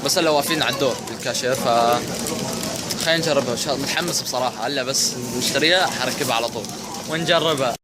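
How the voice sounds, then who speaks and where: A man's voice: mid-range voice, very fast. A teenage boy with a Levantine Arabic accent, chatting casually and playfully as a vlog host and interviewer. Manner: playful, repeats and comments on answers. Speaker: vlogger and interviewer. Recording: noisy public place with urban sounds.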